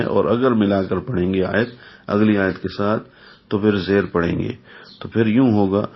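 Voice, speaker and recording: A man teaching the rules of Quran recitation, explaining slowly and methodically and pausing to recite example verses. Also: on the low side, gravelly, breathy edge. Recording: dull lo-fi recording.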